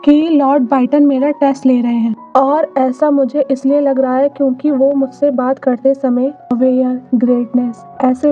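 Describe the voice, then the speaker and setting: High-voiced woman narrating a story recap. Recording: slightly dull recording, faint music.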